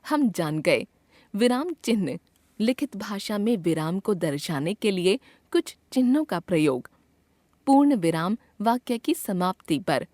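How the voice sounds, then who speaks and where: A woman teacher narrating a scripted grammar lesson in a clear, expressive way, acting out example sentences. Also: medium pitch, a little slow, no echo.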